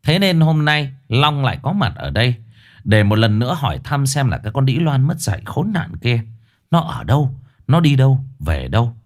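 Lively low-voiced male storyteller. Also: normal speed. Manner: lively, mocking. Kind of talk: comic story narration.

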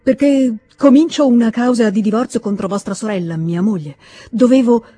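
Stiff cold official, firm and clipped, read by a mellow-voiced woman. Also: a little high, moderate pace, husky. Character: cold formal middle-aged official husband.

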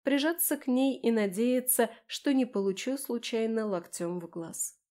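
A woman narrating a first-person audiobook in a wry, expressive way. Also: a little high, normal speed.

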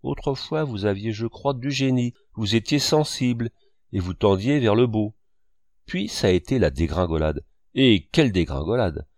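A man's voice: lowish voice, lively intonation, moderate pace, darkish tone, no room sound, clean studio sound. A man reading the lines of a stern, scornful man who severely reproaches another.

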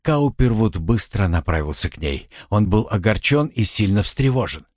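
A man narrating an audiobook in an expressive, dramatic reading style. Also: on the low side, moderate pace, no room sound, clean studio sound.

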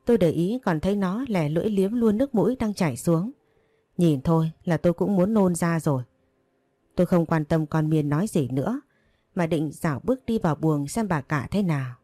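A woman narrating a romance story aloud in a calm, steady storytelling manner. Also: fairly low pitch, brisk, no room sound. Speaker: audiobook narrator.

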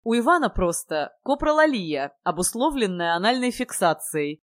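A woman's voice: mid-range voice, big pitch swings, moderate pace, natural voice. A woman voicing a young man who lectures in a mockingly serious tone. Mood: mock-serious. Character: pompous mock-serious young man, know-it-all.

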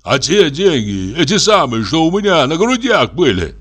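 Man playing a pious old pilgrim, slow, calm, reproachful, somewhat high voice, lively pitch, audiobook character. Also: soft background music. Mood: pleading.

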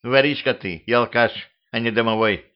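A man voicing a stern young mother who scolds loudly, in a homemade audiobook reading. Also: mid-range voice, moderate pace, clear, resonant tone, lightly acted. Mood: indignant. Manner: loud, scolding. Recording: slightly dull homemade audiobook recording.

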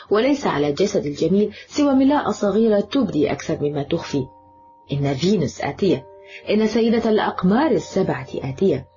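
A woman's voice: sits low, warm tone. A woman voicing a proud, seductive cursed woman in an audiobook drama, speaking haughtily. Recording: dull lo-fi audio with background music.

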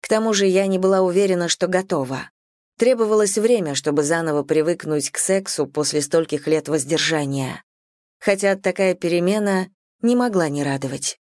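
Low-voiced woman narrating an audiobook. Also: moderate pace, darkish tone, no echo, clean studio sound. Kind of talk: first-person audiobook narration.

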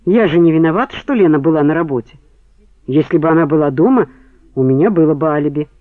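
A man's voice: on the high side, lively intonation, fast talker, no echo, close to an everyday voice. A man reading as a snappish, defensive suspect. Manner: irritable, snapping. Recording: tinny phone-like band, dry.

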